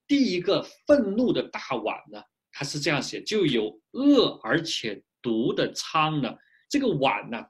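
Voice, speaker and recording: A male pastor preaching a sermon in a lively, animated way, pausing often for an interpreter, speaking from a small home office into a webcam. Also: medium pitch, slightly rough. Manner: lively preaching with frequent filler particles.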